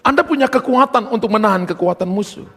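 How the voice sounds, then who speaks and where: A pastor with a fairly high, bright voice preaches at a quick pace, emphatically telling his personal testimony and addressing the congregation directly as brothers. The recording carries a long hall reverb.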